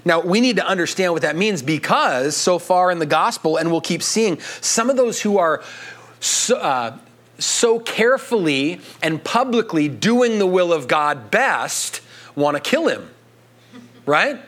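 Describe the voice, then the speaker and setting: Male pastor, higher-pitched voice, chatty sermon delivery peppered with asides. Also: a bit bright. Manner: conversational preaching with frequent "right?" asides.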